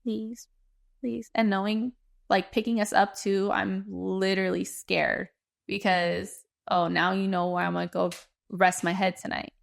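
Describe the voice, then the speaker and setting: A woman hosting a mukbang, telling a story in an animated way, swearing and acting out what people said. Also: medium pitch, moderate pace, vocal fry. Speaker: mukbang host. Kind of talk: casual storytelling over a meal.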